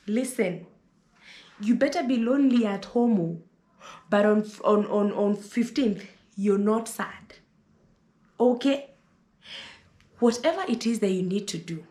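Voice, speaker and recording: A woman's voice: mid-range voice, a little mellow, roomy sound. A Kenyan woman in her thirties gives motherly advice straight to camera, lecturing and repeating herself to drive points home. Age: 30s. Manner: motherly, lecturing, repeats words and says "listen" often. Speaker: vlogger giving advice. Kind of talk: casual advice monologue to camera.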